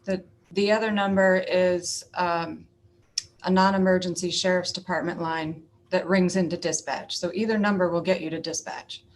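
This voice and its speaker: A woman's voice: on the low side, steady tone, normal speed. A woman giving matter-of-fact explanatory answers as an official on a conference call.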